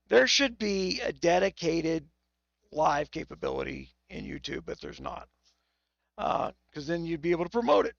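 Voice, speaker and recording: A tipsy, hoarse man rambling and cursing as he hosts a live game stream. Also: fairly high pitch, a bit bright, no room sound, dull audio. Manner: rambling and profane, with many restarts. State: tipsy from whiskey; hoarse, losing his voice. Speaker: game livestreamer.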